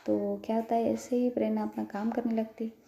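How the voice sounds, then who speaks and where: A woman's voice: on the high side, level tone, fairly quick, gravelly, mellow. A woman telling a love story in a casual, chatty way, linking her sentences with many "so"s. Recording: echoey room.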